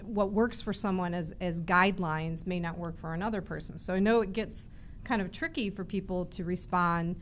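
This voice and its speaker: A woman's voice: fairly low pitch, steady tone, normal speed, slight background noise. A woman hosting a podcast interview, talking earnestly and thinking aloud with restarts and fillers. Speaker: podcast host. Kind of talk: conversational interview.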